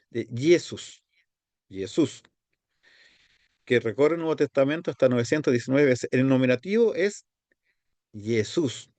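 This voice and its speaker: A man teaching a seminary lesson on Greek grammar. He explains step by step and repeats forms slowly. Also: fairly high pitch, darkish tone, no echo. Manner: explains step by step, repeats words slowly, pauses to find his page.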